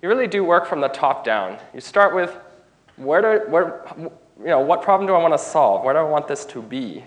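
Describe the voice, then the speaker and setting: A man's voice: on the high side, sing-song, moderate pace, low-quality recording. A man giving a technical conference talk in a room, stuffed up from a cold, informal and often restarting phrases. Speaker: conference speaker.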